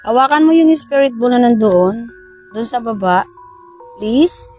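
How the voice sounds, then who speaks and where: A woman with a fairly high voice hosts a casual ghost-hunting vlog. She coaxes and pleads softly with unseen spirits while investigating outdoors at night. Faint music plays underneath. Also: animated, measured pace. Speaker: paranormal investigator vlogger. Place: outdoors at a bus depot at night.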